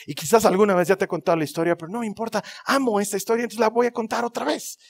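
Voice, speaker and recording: A man with a fairly high voice preaching in a church. He tells the story with lively, dramatic flair and joking asides. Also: very fast, creaky, slightly rough. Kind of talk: sermon.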